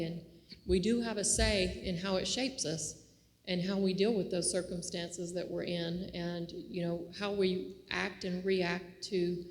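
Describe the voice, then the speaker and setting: A woman co-hosting a casual faith talk, calm and thoughtful. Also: lowish voice, long reverb tail. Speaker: co-host.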